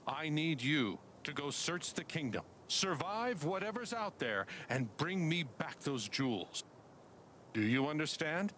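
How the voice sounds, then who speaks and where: A man voicing an older townsman playing a grave, booming warrior king in a video game, theatrical and regal. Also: big pitch swings, unhurried, a bit bright, slight background noise. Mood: solemn, commanding. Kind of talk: theatrical role-play acting in a video game.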